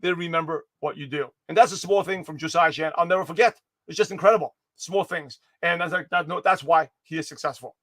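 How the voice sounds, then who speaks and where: This daily pep talk comes from a motivational speaker addressing his viewers directly in a high, fast, somewhat hoarse voice. Energetic and rambling, he keeps restarting, fixing words midway, and looping back to his point, all captured in a dry, close recording with no room around it.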